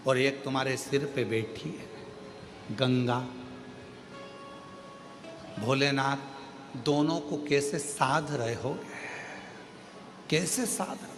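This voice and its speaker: A man voicing a humble male demon who pleads in a low, soft voice, with long reverb and music behind. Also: natural voice. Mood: amused.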